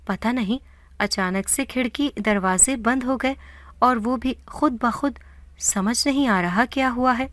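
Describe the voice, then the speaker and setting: A woman's voice: a little high, a bit bright, dry recording, voice pushed up, natural voice. A woman voicing a cunning, greedy woman who plots against a witch in a storybook horror tale. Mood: frightened. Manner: scheming, self-assured.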